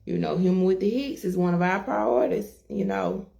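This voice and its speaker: A woman co-hosting a casual interview, relaxed and rambling with frequent laughs. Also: on the low side, moderate pace, vocal fry. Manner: relaxed and rambling, laughing often, many fillers. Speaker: co-host, interviewer.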